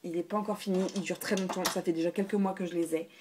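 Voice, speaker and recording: A woman's voice: fairly low pitch, fairly even intonation, quick pace, noisy background. A woman chatting casually through a beauty haul video, hesitant, with many fillers and restarts. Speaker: beauty vlogger.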